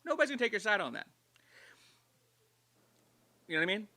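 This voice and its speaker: Excitable man co-hosting a livestream. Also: high voice, quick pace. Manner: loud, excitable, profane. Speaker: co-host. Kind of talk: casual livestream chat.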